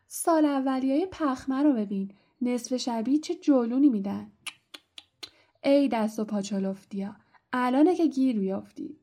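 A woman's voice: sits high, warm tone. A woman voicing a spiteful male poltergeist who cackles and taunts. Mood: taunting. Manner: cackling, taunting, sing-song.

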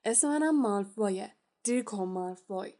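A woman's voice: medium pitch, expressive, dark tone, lightly acted. Draco Malfoy, a woman doing a sneering schoolboy. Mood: haughty. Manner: haughty, taunting. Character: sneering pale rich schoolboy wizard.

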